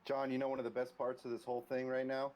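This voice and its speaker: A man's voice: medium pitch, completely flat delivery, fast talker, a little mellow. A man co-commentating on a sim racing broadcast with casual banter.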